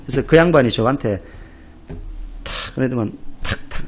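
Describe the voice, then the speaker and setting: A man's voice: mid-range voice, moderate pace. A middle-aged man from South Korea preaching a sermon as pastor, telling stories with acted-out quotes and emphatic exclamations. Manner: animated storytelling, acting out quoted voices; emphatic, rising to loud exclamations.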